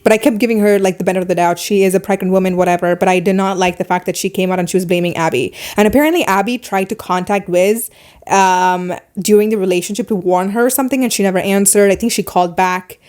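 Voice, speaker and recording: A woman with a foreign accent and a mid-range voice hosts a podcast, chatting casually about her opinions. She gets animated and speeds up in bursts.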